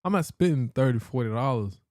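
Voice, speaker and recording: A man's voice: mid-range voice, animated, fairly quick, darkish tone, dry recording, clean studio sound. A man co-hosting a casual podcast, telling stories in a slangy, laughing way. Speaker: podcast co-host.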